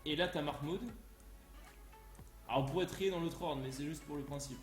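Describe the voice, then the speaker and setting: Animated, crude-talking young streamer. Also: male voice, on the high side, moderate pace. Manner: animated, crude, laughing, full of fillers. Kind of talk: casual storytelling on a live stream. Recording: roomy echo, faint music.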